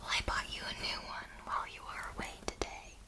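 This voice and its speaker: A woman doing a whispered role-play as a doting caregiver at bedtime, speaking tenderly and reassuringly in a breathy whisper. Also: bright, forceful tone. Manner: slow, tender, reassuring personal attention. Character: doting, soothing caregiver tucking someone in at bedtime. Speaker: ASMR host playing a caring bedtime companion.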